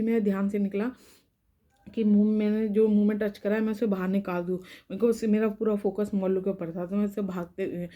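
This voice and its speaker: A woman's voice: medium pitch, highs cut off. Young woman talking through a sore mouth. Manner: rambling, restarting sentences, talking carefully around mouth pain. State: sore tongue and lips, speaking with pain. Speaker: vlogger. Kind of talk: casual storytelling to camera.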